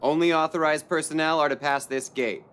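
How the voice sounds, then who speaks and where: An actor playing a stern, dutiful gate guard in a video game, speaking in a formal, official manner. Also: male voice, a little high, fairly even intonation, fairly quick, fairly bright tone, clean tone, lightly acted. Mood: firm, official. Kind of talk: video game character acting.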